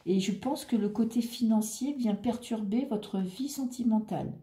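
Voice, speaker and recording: A woman's voice: fairly high pitch, normal speed, warm tone, echoey room. A woman reading tarot cards in a chatty, reassuring way, thinking aloud as she turns them. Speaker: tarot reader. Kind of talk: casual tarot reading monologue.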